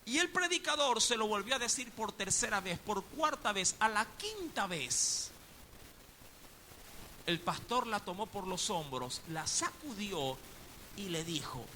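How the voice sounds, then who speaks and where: A man with an Ecuadorian Spanish accent preaching a sermon, telling a story dramatically and swinging from hushed tones to shouts. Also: high-pitched, big pitch swings, measured pace, slight background noise. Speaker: pastor.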